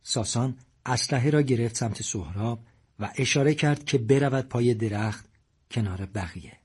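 A man narrating a story audiobook in a steady storytelling voice. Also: mid-range voice, slightly rough.

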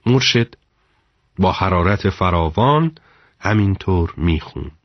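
A man narrating a story in a measured, dramatic storytelling delivery. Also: sits low, lively intonation, no echo, muffled recording.

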